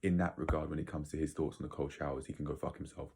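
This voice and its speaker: A man's voice: rumbling low, little pitch movement, fast talker, vocal fry, darkish tone, breathy edge. A man giving a casual, opinionated monologue to viewers, rambling and blunt, with some swearing. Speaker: video creator.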